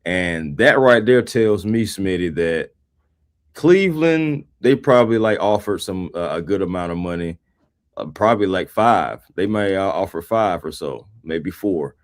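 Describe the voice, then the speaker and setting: A man's voice: sits low, lively intonation, a little slow. A man co-hosting a live sports show, chatting casually and animatedly, greeting the chat and talking football. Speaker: sports podcast co-host.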